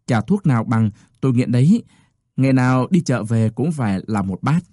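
Man playing a grumpy old village midwife, scolds and snaps, lively up-and-down voice, storybook reading. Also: medium pitch, normal speed, no room sound, studio quality, natural voice. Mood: matter-of-fact. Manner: scolding, curt.

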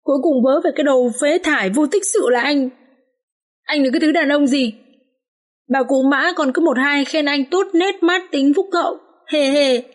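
A woman reading an audiobook story, voicing a bitter, sharp-tongued young wife who scolds her husband with contempt. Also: fairly high pitch, lively intonation, a little fast, long pauses. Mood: scornful.

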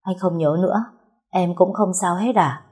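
A woman voicing a young husband just out of a coma, speaking softly and slowly with a trembling voice. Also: lowish voice, breathy edge. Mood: tender. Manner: slow, soft, trembling. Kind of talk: audiobook character voice.

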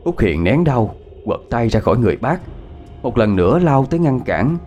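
Sex: man. Role: storyteller. Style: ghost story narration, dramatic. Pitch: lively, animated. Behind: faint music. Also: moderate pace, highs cut off. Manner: dramatic, expressive reading. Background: soft background music.

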